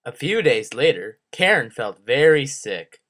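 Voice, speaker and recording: A woman's voice: extremely low pitch, big pitch swings, unhurried, exaggerated voice. A woman playing a mock-solemn presenter of a children's sock puppet show, narrating in a goofy educational style.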